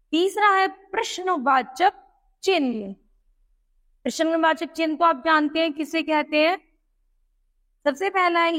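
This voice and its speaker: A woman teaching a lesson to young children, speaking deliberately and repeating questions and answers for the class. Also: sits high, a bit bright.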